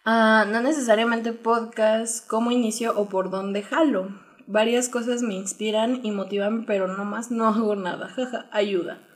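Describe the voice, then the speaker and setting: A woman's voice: a little high, fairly even intonation, moderate pace. Playful woman podcast host. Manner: playful, reads listener questions, laughs often. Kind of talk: casual podcast chat. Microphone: podcast microphone.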